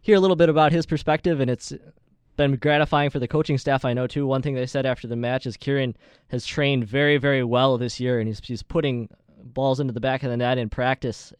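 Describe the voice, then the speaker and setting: A man's voice: medium pitch, a little mellow, clear, resonant tone, no echo. A man hosting a sports show, talking conversationally through interview questions and soccer commentary in a wordy way.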